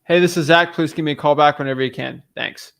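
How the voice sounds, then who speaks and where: A man's voice: a little high, steady tone, fast, gravelly, background noise. Man leaving a friendly voicemail. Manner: brief, friendly and upbeat. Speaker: real estate wholesaler. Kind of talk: live-streamed cold calling.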